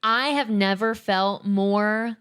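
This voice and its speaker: A playful woman co-hosting a casual podcast, speaking at an ordinary pitch. She teases her co-host and laughs easily. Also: takes it slowly, fairly bright tone, clear, resonant tone. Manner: playful, teasing, laughs often.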